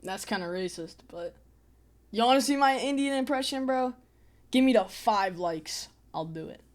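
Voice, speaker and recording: Man, casual reaction chat, sarcastic jokes, quick asides. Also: high-pitched, expressive. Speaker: reaction commentator.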